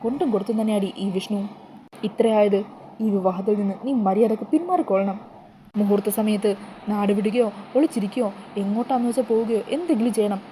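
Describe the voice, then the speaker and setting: A woman's voice: mid-range voice, fast talker, warm tone, a little hiss or hum, natural voice. A woman voicing a young man who threatens his bride in a TV serial recap, speaking in a taunting, threatening way. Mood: menacing.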